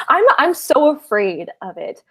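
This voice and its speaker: Brief: chatty woman in her twenties, a bit high-voiced, laughs a lot, casual co-host on a video call. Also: sing-song, takes it slowly, a crowd in the background. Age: 20s. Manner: giggly, chatty, rambling. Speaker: co-host of a book liveshow. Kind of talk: casual chat.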